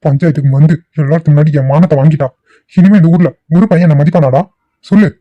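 A bullying village headman barks threats in a voice set a bit high, a man acting him out. The recording is dull and lo-fi, dry with no room sound, like a cheap cartoon dub. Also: fast, dry recording, close to an everyday voice. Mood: furious threats. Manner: shouting, threatening, scornful. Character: angry domineering village headman, older man.

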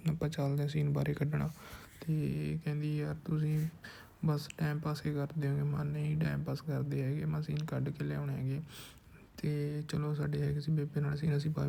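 A man's voice: on the high side, monotone, fairly quick, vocal fry, warm tone, a little hiss or hum. A man narrating a behind-the-scenes shoot in casual, rambling chat, often dropping to whispered asides. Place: village house on a film shoot.

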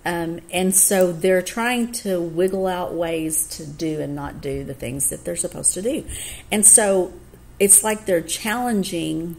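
A woman's voice: fairly low pitch, vocal fry, darkish tone, slight background noise, poor audio. A woman leading a youth Bible study, in a bubbly, joking manner. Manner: bubbly, joking, quick to laugh. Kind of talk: casual chat and Bible study.

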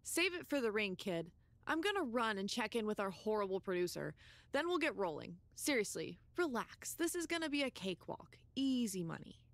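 A woman's voice: mid-range voice, big pitch swings, moderate pace, dry recording. A woman voicing a cocky, trash-talking female wrestler in a video game. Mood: smug. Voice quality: smug, teasing. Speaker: game character.

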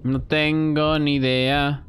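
A young Spanish-accented man streaming a shooter game, chatting loosely with viewers and cursing as he goes. His voice sits a touch high, and gunfire and clicks come through faintly underneath. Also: level tone, slow pace, a bit bright, slight background noise. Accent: Spanish (Spain). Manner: chatty, swears freely, talks to himself and chat. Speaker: gaming streamer. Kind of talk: casual live gameplay commentary.

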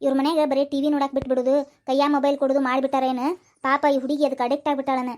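A strict but kind cartoon schoolteacher, voiced by a woman, coaxes and scolds in a North Karnataka Kannada accent. She speaks at a very high pitch and a rapid clip, over a faint background hiss. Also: flat delivery, a little mellow, lightly acted. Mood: exasperated. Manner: coaxing then scolding, rapid and talky. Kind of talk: cartoon voice acting.

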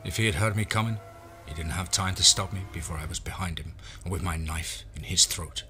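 A man's voice: low-pitched, steady tone, a little fast, pushed and bright, a little hiss or hum. A man narrating a scripted horror western in the first person, as a storyteller.

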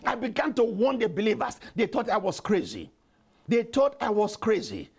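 A pastor preaching a fervent prayer sermon at a church service, repeating commands and praying in tongues. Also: male voice, high voice, big pitch swings, moderate pace, vocal fry, husky. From immigrant to Canada.

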